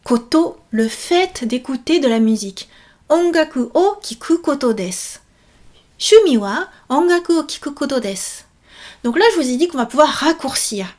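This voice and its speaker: A woman teaching a language lesson, explaining grammar patiently and repeating example phrases slowly. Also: sits high, expressive, darkish tone.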